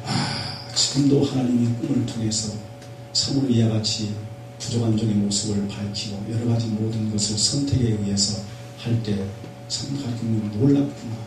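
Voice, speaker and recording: A middle-aged man preaching a fervent revival sermon as a pastor, moving between loud exhortation and quiet personal testimony. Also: lowish voice, normal speed. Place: prayer retreat hall. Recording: echoey hall from far off, faint hum.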